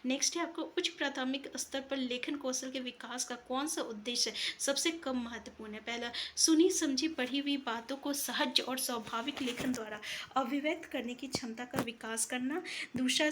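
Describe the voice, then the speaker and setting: High-voiced woman teaching exam prep. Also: fairly bright tone, a little hiss or hum. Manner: explains answers step by step, often asks "ठीक है".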